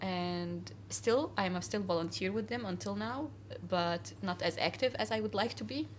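A medium-pitched woman speaks at a moderate pace amid slight background noise. She's a young guest from Syria in a casual indoor cafe interview, earnest and prone to fillers and restarts.

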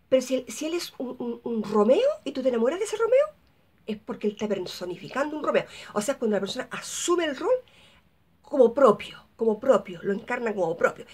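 A Chilean woman in her fifties talks through her favorite films in a loose, wandering vlog. Her voice sits high and has a breathy, husky edge. She rambles and keeps losing her train of thought. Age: 50s. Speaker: vlogger. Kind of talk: casual movie recommendations to camera.

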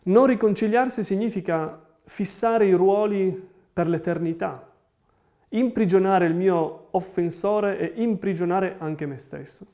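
A pastor in his forties delivers a calm, reflective sermon. His voice sits high for a man. He speaks from a small room lined with bookshelves, facing the camera. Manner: measured, reflective preaching.

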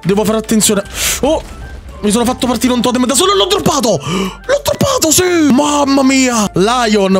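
A young man giving excitable gameplay commentary, repeating himself rapidly and teasing his opponent. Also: sits high. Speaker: Minecraft YouTuber.

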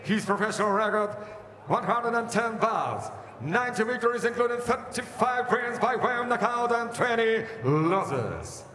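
A middle-aged or older man working as an arena announcer, introducing fights formally and theatrically with drawn-out names and titles over a handheld microphone. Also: lively intonation, fairly bright tone. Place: boxing ring in a large indoor arena. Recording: booming echoey arena PA with long reverb.

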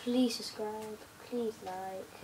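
A female gaming channel host giving casual, rambling gameplay commentary, often excitable and chanting silly sing-song lines. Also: medium pitch, slow pace, background noise. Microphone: phone recording a screen.

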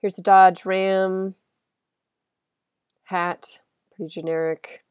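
A woman's voice: mid-range voice, little pitch movement, slow pace, a little mellow, clean tone, no echo. A woman with a congested, nasal voice from a cold, chatting casually through her sales recap, rambling and correcting herself. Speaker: eBay reseller vlogger.

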